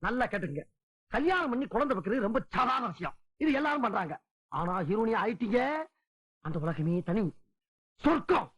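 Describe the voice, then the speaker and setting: A pushy, high-voiced film agent. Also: male voice, slightly rough, no room sound, full character voice. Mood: persuasive. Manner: fast, flattering sales talk. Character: pushy smooth-talking male film agent. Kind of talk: 1990s Tamil film comedy acting.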